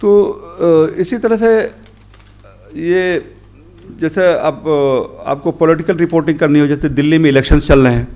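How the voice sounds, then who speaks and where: A middle-aged man giving a workshop talk as a journalist, rambling through his points with many pauses and English phrases mixed in. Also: a little high, a little mellow. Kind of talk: workshop lecture. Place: conference hall.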